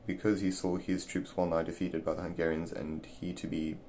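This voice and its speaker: Deep-voiced man reading an old essay. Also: level tone, fairly quick, mellow, slight background noise. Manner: stumbling, repeating words as he reads. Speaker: reader of a classic essay. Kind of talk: reading an old text aloud.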